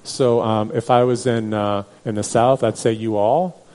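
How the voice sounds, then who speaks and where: Mellow-voiced man teaching a Bible class. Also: mid-range voice, level tone, normal speed, clear, resonant tone. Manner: conversational, many "you know" fillers and restarts. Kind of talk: Bible study lecture.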